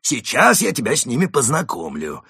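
A man's voice: medium pitch, wildly swooping pitch, moderate pace, sharp tone, breathy edge, no echo, clean studio sound, voice pushed up, exaggerated voice. A man voicing a boastful, scheming male ferret swindler who talks grandly and pushes hard. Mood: pompous. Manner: grandiose, pushy.

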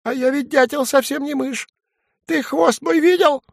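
A man voicing a sly, sleepy female garden dormouse in a storybook reading, squeaky and teasing. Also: fairly even intonation, unhurried, creaky, dry recording, studio quality, full character voice. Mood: teasing, cheeky.

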